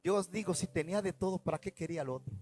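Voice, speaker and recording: A man, a pastor preaching a sermon, swinging between loud and soft as he retells stories in the first person. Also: racing, soft background music, rough recording. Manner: preaching with dramatic swings in loudness and pitch.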